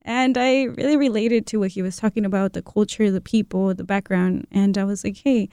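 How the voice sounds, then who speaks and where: Chatty young woman student, smooth voice. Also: medium pitch, steady tone, a little fast, mellow, no room sound, studio quality. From Mexico. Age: young adult. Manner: chatty, laughing, quotes herself. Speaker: student guest. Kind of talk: casual interview answers.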